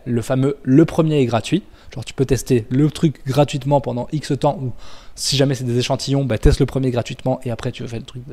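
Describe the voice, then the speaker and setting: Male trainer, conversational explainer; loose delivery, frequent self-corrections, average pitch. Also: warm tone. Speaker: business trainer. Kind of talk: casual explanatory lesson.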